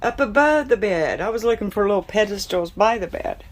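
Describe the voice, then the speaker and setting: A woman's voice: mid-range voice, expressive, brisk. A woman giving a casual walkthrough commentary as a vlogger inside a small camper trailer. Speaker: vlogger touring RVs. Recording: clear background noise, room ambience.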